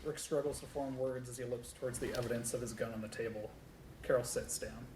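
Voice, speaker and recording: At a table read, a man narrates the scripted stage directions aloud, his tone steady and his pace a little quick. The room is echoey, with a low rumble underneath.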